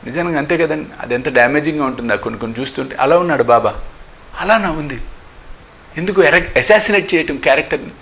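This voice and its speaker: A man's voice: fairly high pitch, expressive, fast, fairly bright tone. Emphatic male spiritual teacher. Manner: emphatic, rhetorical questions, mixes in English phrases. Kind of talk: devotional discourse.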